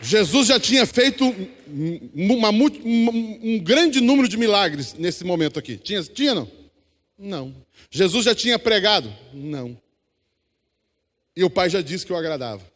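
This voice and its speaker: A man's voice: high-pitched, sing-song, moderate pace, a bit bright. A man with a Brazilian accent preaching a sermon in church, exhorting the congregation and calling for responses. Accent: Brazilian Portuguese. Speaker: pastor. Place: church hall. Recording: long church hall reverb.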